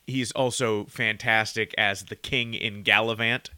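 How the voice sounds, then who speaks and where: A man co-hosting a podcast, chatting casually and pitching a casting choice with enthusiasm. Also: steady tone, a little slow, bright, forceful tone, smooth, no echo. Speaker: podcast co-host. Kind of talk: casual chat.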